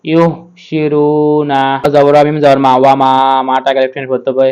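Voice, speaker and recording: Man teaching Quran reading, smooth voice. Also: mid-range voice, monotone, darkish tone, dull audio. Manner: spells out letters slowly, then chants the word. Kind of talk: step-by-step recitation lesson.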